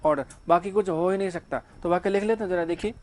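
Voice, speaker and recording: A man's voice: high-pitched, fast, darkish tone. A man teaching English grammar to a class. He keeps asking the students questions and then answers them himself.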